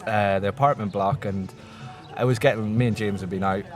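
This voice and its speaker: A young Irish man with a lowish voice tells a long, rambling story, and he jumps into lively quoted voices as he goes. It is casual podcast chat, with music playing clearly behind him. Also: a little fast. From Ireland. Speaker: guest.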